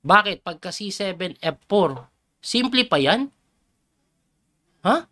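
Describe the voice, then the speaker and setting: He's a middle-aged chess coach from the Philippines whose high-sitting voice moves slowly as he gives animated live commentary, loudly reacting to each move on the board.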